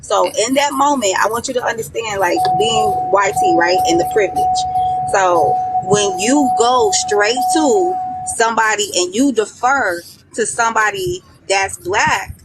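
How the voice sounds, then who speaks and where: A woman hosting a casual live panel, measured and firm as she explains and moderates. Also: medium pitch, loud music behind the voice. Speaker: panel host. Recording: noisy online live audio, clicks.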